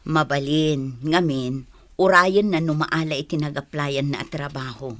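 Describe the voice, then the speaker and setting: A woman with a low voice plays a stern, domineering radio-drama mother of many children. She commands and scolds in a matter-of-fact mood, never rushing.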